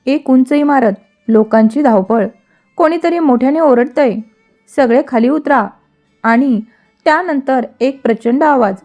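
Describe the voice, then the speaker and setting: A woman's voice: sits high, measured pace, a little mellow, faint music behind. A woman reading the lines of a troubled young man who has lost his memory, speaking hesitantly in a storybook reading. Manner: hesitant, searching.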